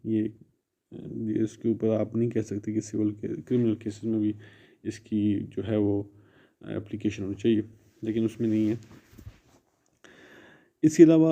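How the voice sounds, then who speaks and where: In muffled, dull lo-fi audio, a Pakistani-accented law lecturer explains exam-prep material, switching between Urdu and English and rephrasing his points. His voice is mellow and on the low side.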